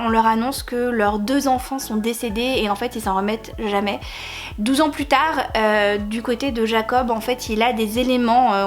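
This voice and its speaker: A woman chatting casually about books she bought, hesitating often and laughing now and then. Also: fairly high pitch. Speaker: book vlogger. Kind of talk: casual book haul chat.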